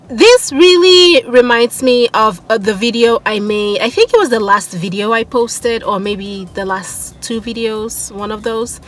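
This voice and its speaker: A woman's voice: a little high, a bit bright, low-quality recording. A woman hosting a commentary video, reacting in a casual, exasperated way. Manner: exasperated, incredulous remarks. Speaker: commentary channel host.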